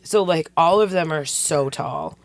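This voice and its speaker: A man with a raspy voice that is hoarse right now, sounding like a smoker. He co-hosts a podcast in relaxed, joking chat. His voice sits a little high for a man. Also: a little slow, dry recording. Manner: joking, chatty. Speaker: podcast co-host. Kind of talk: casual chat.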